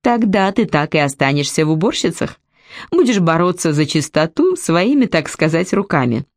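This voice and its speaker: A woman's voice: fairly low pitch, very animated, moderate pace, dry recording. Sarcastic, mocking young woman read by a woman narrator, dry close recording. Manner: mocking, ironic.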